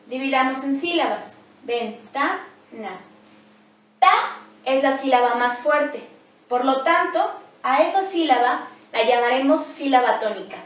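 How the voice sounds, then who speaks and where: High-voiced woman teaching in an echoey room. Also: recorded from a distance. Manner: slow, clear syllable-by-syllable explanation. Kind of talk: scripted grammar lesson.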